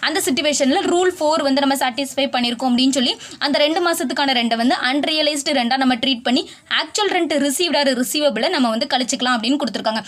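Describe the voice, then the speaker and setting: A woman tutor explains tax rules in a video lesson, mixing English legal terms into her Tamil, reading the rule text slowly and restating each point in plain words. Her voice sits high and sounds a bit bright.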